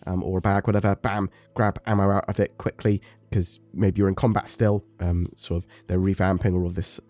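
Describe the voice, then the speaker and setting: A man's voice: low-pitched, flat delivery, fairly quick, a little mellow. A man hosting a casual gaming update commentary, ill and talking through soreness, in an informal, rambling way. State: ill with covid, sore and painful to talk. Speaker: gaming video host. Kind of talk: casual scripted-notes commentary on game updates.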